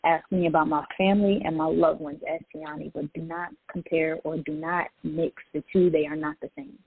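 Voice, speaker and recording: A woman's voice: low-pitched, steady tone, normal speed, slight background noise. A woman who is a poet and public speaker, talking reflectively in casual conversation with lots of "like" fillers. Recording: tinny phone-like line.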